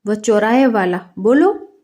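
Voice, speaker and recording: A woman's voice: medium pitch, animated, slow, darkish tone. A woman voicing a stern middle-aged father who presses his young son with scolding questions, in a storybook reading.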